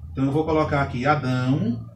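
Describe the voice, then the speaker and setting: A man's voice: medium pitch, fast talker, slight background noise. A man teaching a Hebrew lesson at a whiteboard, explaining patiently and checking in with his students often. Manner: patient, explanatory, frequent "tá ok, pessoal?". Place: classroom with a whiteboard. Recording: echoey room, mic at a distance, faint ambience.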